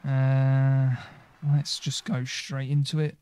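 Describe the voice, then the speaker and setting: A man's voice: medium pitch, completely flat delivery, slow, mellow, clean tone. A young man commentating live over a racing game, chatty and bantering with the game voices. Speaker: gaming streamer.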